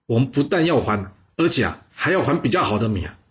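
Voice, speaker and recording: A man's voice: medium pitch, sing-song, fast, lo-fi sound, lightly acted. A man doing a clever, deferential advisor. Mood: reassuring.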